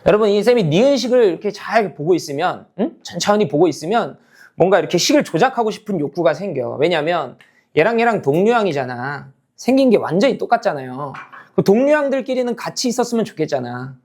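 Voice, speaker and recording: A man's voice: high-pitched, very animated, fast, darkish tone. A man teaching a math lesson, explaining step by step, repeating key points and constantly checking that the class follows, switching between casual and polite speech. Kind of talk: lecture to students.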